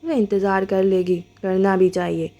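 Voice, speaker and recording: A woman voicing a bitter, defensive wealthy young man in a storybook reading, pitching her voice low and sounding aggrieved. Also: level tone, dark tone, natural voice.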